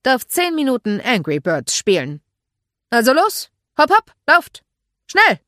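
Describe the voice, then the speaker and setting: A woman reading an audiobook, voicing a stern, brusque man who barks orders loudly. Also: lowish voice, big pitch swings, takes it slowly, creaky, no room sound, studio quality, full character voice. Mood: stern commanding. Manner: barking orders, clipped and loud.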